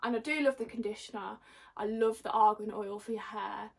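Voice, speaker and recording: A woman's voice: medium pitch, fairly even intonation, a little fast, creaky. A young Englishwoman chatting casually to camera in a giggly, tipsy, rambling and slangy way. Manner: rambling, slangy, self-mocking. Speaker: vlogger.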